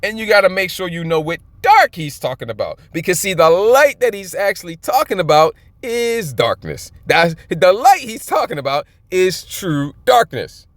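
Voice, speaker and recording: A male preacher delivers a sermon, reading scripture and breaking in with emphatic, colloquial asides and soft chuckles. His voice sits high and swoops widely in pitch, and the recording is dry and close with no room sound. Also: very animated, normal speed, hardly any pauses, no room sound.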